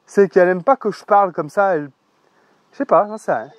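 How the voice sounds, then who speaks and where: A man's voice: high-pitched, a little fast, no echo. A man giving a casual, salty walk-and-talk vlog outdoors on rural land, talking loosely with many fillers and some swearing, into a mic with a foam windscreen. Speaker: vlogger showing his land.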